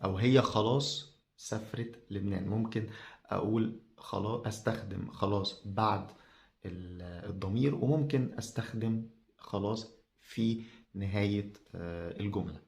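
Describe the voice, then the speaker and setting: A man with an Egyptian Arabic accent teaching a podcast language lesson, slow and halting with many drawn-out fillers. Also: fairly low pitch, vocal fry, darkish tone.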